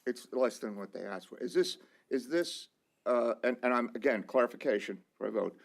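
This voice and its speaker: A man's voice: mid-range voice, vocal fry. A man at a council meeting stumbling through a question to clarify a vote. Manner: halting, repeats words when unsure. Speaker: council member.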